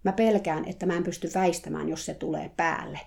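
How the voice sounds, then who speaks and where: A woman voicing a frightened riding therapist who speaks in tense, hushed pleas. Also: low-pitched, steady tone, vocal fry. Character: frightened riding therapist, panicky then relieved.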